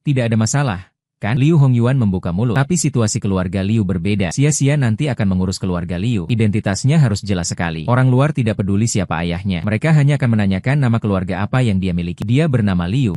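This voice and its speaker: A man narrating a first-person family drama story, reading every character's lines in an even read-aloud delivery. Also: on the low side, dry recording, studio quality.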